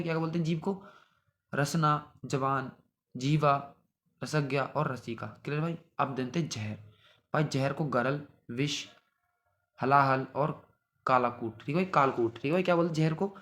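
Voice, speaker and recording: At a moderate pace, a young man with a medium-pitched, fairly bright voice revises synonyms for exam preparation. His style is repetitive: he drills each word list and then makes sure the students are following with "theek hai bhai."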